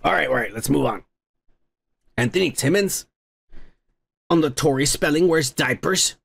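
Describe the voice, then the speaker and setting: A man's voice: fairly high pitch, lively intonation, moderate pace, creaky, fairly bright tone, husky. A young man hosting a casual livestream in a rambling, profane, slangy way, on a heavily compressed microphone. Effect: heavily compressed microphone sound. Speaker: livestream host. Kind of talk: casual livestream chat, reading comments. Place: indoor streaming room at home. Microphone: close streaming microphone with compressor.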